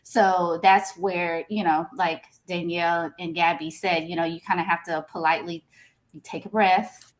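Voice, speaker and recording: A woman panelist answering a question, measured and thoughtful, with frequent fillers as she thinks aloud. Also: on the low side, fairly even intonation.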